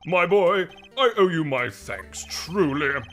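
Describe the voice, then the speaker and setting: A blustering old gentleman lawyer played by a man in a theatrical amateur game dub. His voice is forceful and swoops widely, old-fashioned and burdened, over faint music. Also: fairly high pitch, expressive, slow pace. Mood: flustered. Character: flustered, guilt-burdened elderly gentleman lawyer. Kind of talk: overacted amateur game fandub.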